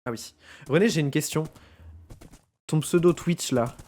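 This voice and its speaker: A man's voice: a little high, a little slow, a little mellow. A young man with a French accent, chatting casually while streaming a game and rambling with plenty of fillers. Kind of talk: casual gaming chat.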